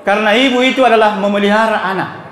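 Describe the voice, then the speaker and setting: A man's voice: high-pitched, fairly even intonation, fast, a bit bright. A middle-aged man with a South Sulawesi Indonesian accent, preaching at a religious gathering in a joking, storytelling way and putting questions to the audience. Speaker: Islamic preacher. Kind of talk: humorous sermon with anecdotes. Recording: echoey hall with audience murmur.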